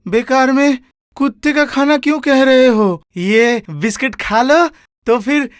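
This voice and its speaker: Slow mocking big brother who bosses people around, dry sound. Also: male voice, very high voice, clean tone, no echo. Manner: mocking, teasing, bossy. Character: scheming elder brother, mocking servant-loving master. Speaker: elder brother of the house. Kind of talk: Hindi film drama.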